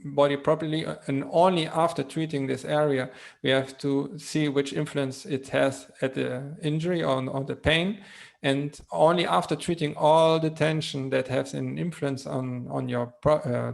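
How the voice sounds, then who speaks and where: A non-native English speaker, a man with a thick foreign accent, explains in lecture style, haltingly searching for words and adding questioning tags. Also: mid-range voice, creaky. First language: not English. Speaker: presenter, physical therapy educator.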